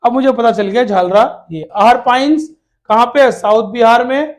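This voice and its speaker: A male teacher with a very high-pitched voice runs an exam-prep lesson for children at a moderate pace. He calls them "beta" in a fatherly way, poses questions and answers them himself, and repeats key words.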